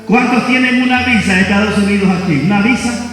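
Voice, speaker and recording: A man with a Honduran accent preaching a sermon, rising into shouts and questioning the congregation. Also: high-pitched, quick pace. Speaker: pastor. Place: church hall. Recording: echoey church hall from far off, music behind.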